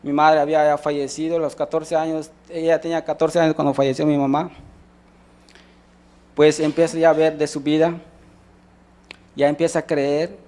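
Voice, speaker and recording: A man's voice: fairly high pitch, little pitch movement, moderate pace, pauses often, a little mellow. A man with a Mexican Spanish accent giving a sermon testimony, telling his story with many restarts and voicing the people in it. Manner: storytelling, acts out quoted dialogue, frequent restarts.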